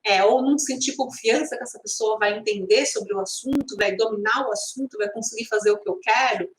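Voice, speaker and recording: A woman's voice: mid-range voice, fairly quick. A Brazilian woman hosting an informal explanatory live stream, speaking conversationally with frequent tag questions. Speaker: live stream host and instructor. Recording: echoey room sound.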